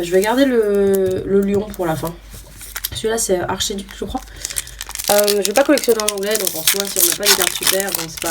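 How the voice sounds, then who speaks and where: Young woman, chatty unboxing talk, hesitant fillers, a bit far from the mic, faint background hiss. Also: medium pitch. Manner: chatty, hesitant with many fillers, reads card names aloud. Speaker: YouTuber opening trading cards. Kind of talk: casual unboxing chat.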